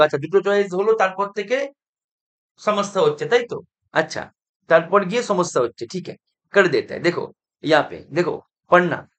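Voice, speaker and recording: A middle-aged man gives a math exam-prep lecture in a fairly high voice. He explains step by step and deliberately, calls his students "beta", and keeps asking whether it is clear. He drops English math terms and a few other words into his talk. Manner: mixes Hindi with English math terms and some Bengali; speaks slowly and deliberately at times. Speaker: math teacher.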